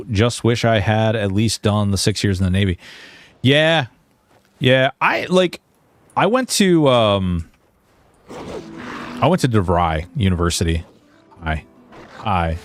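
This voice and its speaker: A game livestreamer in his early forties chats haltingly with his viewers while playing, keeping things informal and self-deprecating with some mild swearing. His voice is medium in pitch, with no room sound.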